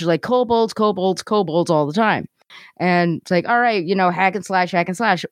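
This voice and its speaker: A woman's voice: mid-range voice, dry recording, clean studio sound. A woman co-hosting a podcast in casual chat, rambling with lots of "the thing is, like.". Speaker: podcast co-host.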